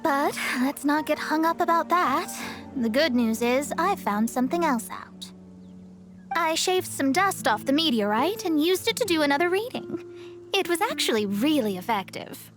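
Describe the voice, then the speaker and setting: A woman's voice: sits high, animated, normal speed, fairly bright tone, soft background music. A woman playing a proud, analytical young astrologist in an anime game dub, explaining things in a matter-of-fact, scholarly way. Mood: confident, explanatory.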